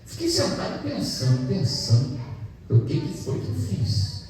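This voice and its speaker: A man's voice: sits high, wildly swooping pitch, measured pace, background noise. A man with a Brazilian accent, a pastor preaching a sermon with personal testimony, calling the congregation brothers and asking for amens. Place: church hall, indoors. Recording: very echoey church hall, mic far off.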